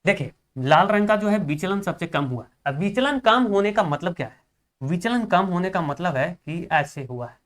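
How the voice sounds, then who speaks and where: A man's voice: sits high, expressive, normal speed, a bit bright. A man teaches an exam-prep class over a screen recording, recorded close to the mic. He keeps asking his own questions and then answering them. He repeats each point again and again. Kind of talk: online exam-prep lesson.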